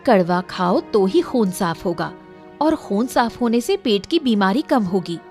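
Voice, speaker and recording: A woman's voice: medium pitch, big pitch swings, a little slow, darkish tone, soft background music. A woman voicing a firm caring cartoon wife. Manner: firm and coaxing. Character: caring firm wife pushing bitter medicine. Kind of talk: animated cartoon dialogue.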